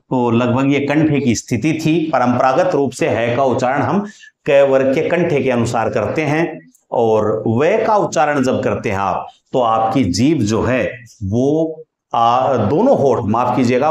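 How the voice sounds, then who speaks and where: A man teaching a lesson on Hindi consonants, asking questions and repeating sounds slowly for his students. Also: medium pitch, darkish tone, roomy sound. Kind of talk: explanatory grammar lesson.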